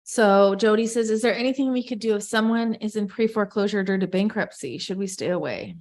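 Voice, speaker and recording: A woman's voice: medium pitch, expressive, brisk, a little mellow. A woman leading a real estate group video call, talking in a loose, chatty way and often correcting herself. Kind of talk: casual coaching on a video call.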